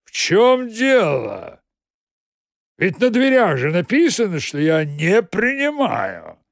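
A man's voice: sits high, wildly swooping pitch, slow pace, vocal fry, no echo, studio quality, pitched above the performer's own voice, full character voice. A man voicing an arrogant, irritable male office boss. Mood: haughty. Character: haughty, hot-tempered male office boss.

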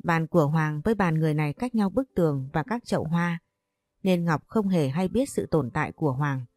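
Low-voiced woman narrating an audio story. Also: animated, a little fast, a little mellow, no room sound, studio quality, faint music behind.

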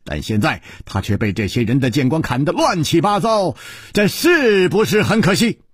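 A man voicing a calm, wise male hero who speaks in a measured, reflective way, in a storytelling performance. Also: a little high, breathy edge, no echo, clean studio sound, pitched above the performer's own voice.

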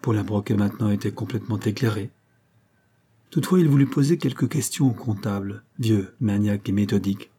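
A man reading a novel aloud in a measured, steady storytelling manner. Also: fairly low pitch, slightly rough. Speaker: audiobook narrator. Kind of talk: scripted narration.

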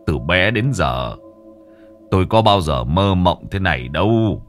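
A man's voice: deep voice, expressive, measured pace, faint music behind. A man playing a stammering frightened old man. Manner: stammering, shaky, fearful. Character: frightened older village man, haunted. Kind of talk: horror story narration.

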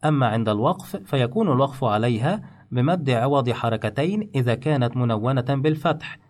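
A man teaching in measured, step-by-step instructional narration. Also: mid-range voice, animated, darkish tone. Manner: measured, explains rules step by step.

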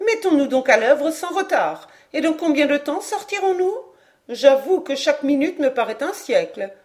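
A woman's voice: high-pitched, very animated, normal speed, darkish tone, pitched above the performer's own voice. A woman voicing a terrified despairing mother. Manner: anxious, pleading and tremulous. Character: frightened middle-aged mother, despairing.

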